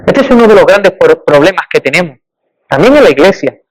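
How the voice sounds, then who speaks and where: High-voiced man preaching emphatically. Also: big pitch swings, a little fast, rough recording. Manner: emphatic, rising on repeated rhetorical lists. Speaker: pastor. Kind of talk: sermon.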